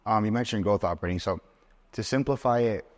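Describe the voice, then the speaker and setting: A man's voice: on the low side, quick pace. A man around twenty, from Switzerland, talking as a guest in a casual podcast conversation, rambling and saying "like" a lot. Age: 20s. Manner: rambling, loose, says "like" a lot. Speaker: interview guest.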